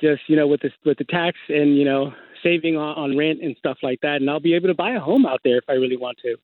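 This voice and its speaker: A man's voice: a little high, fast talker, no echo. A man calling in to a radio show who speaks plainly, with lots of fillers. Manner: plain-spoken, with many fillers. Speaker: caller. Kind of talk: call-in conversation. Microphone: phone line. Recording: tinny phone line.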